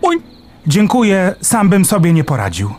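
A man voicing a dutiful, friendly male butterfly postman in a children's storybook reading, brisk and helpful. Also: sits high, wildly swooping pitch, music in the background, voice pushed up.

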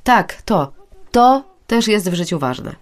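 An actress in a radio play voicing a burned-out, bitter middle-aged teacher who talks in a self-deprecating way. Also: female voice, medium pitch, animated, takes it slowly. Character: weary disillusioned woman teacher, middle-aged. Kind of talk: radio drama acting.

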